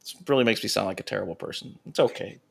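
A man co-hosting a comedy podcast, reading erotica aloud with deadpan asides and casual chat. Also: on the low side, fast talker, gravelly. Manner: deadpan asides between read passages. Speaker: podcast co-host reading stories.

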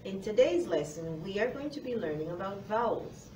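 Picked up from across the classroom by a far camera, a middle-aged woman gives a phonics lesson, her medium-pitched, darkish voice animated and moderately paced. She talks directly to the young kids, encouraging them, and the recording is roomy with faint noise.

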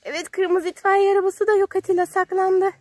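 In a very noisy recording, a kids'-channel mom speaks a little fast in an extremely high voice with little pitch movement. She playfully narrates toy play for her young child outdoors at a sand and gravel pile, in simple, repetitive sing-song phrases and questions.

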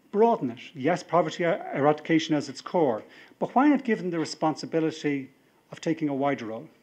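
A middle-aged Irish man, slightly high-voiced, delivers a convention speech into a podium microphone. He builds toward emphatic, rousing appeals. The hall is large and full. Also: a little mellow, breathy edge. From Ireland. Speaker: party leader. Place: large hall with a seated audience, indoors.

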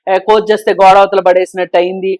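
A woman speaks as a talk-show guest, pressing her argument and firing off rhetorical questions. Her voice sits at an average pitch. It is recorded dry and close, with almost no room sound. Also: flat delivery, quick pace, a little mellow, no echo. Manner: emphatic, argues with rhetorical questions. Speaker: social commentator guest. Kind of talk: opinionated talk-show discussion.

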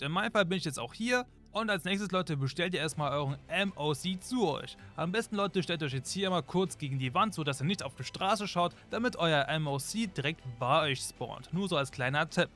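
A man's voice: fairly high pitch, a bit bright. A young man narrating a game tutorial in a chatty way, constantly addressing his viewers. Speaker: gaming YouTuber. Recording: faint music behind.

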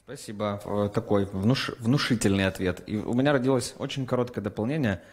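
A man hosting an online interview, asking long rambling questions with animated asides. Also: lowish voice, fairly quick, breathy edge. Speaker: interview host.

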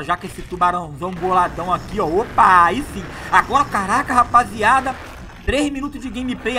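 A man doing excitable, slangy live gameplay commentary as a gaming YouTuber, hyping up his viewers. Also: high voice, slight background noise.

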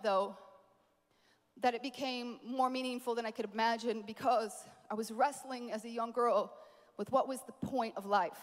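A woman preaching a sermon at a conference, animated, with playful asides to the crowd. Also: fairly high pitch, big-room sound. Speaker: conference speaker. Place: large conference hall.

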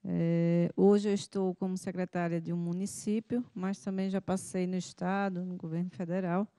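A woman from Pernambuco, a municipal health secretary, introducing herself in a measured, formal way into a handheld microphone. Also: fairly low pitch, little pitch movement, mellow, no room sound. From Pernambuco, Brazil.

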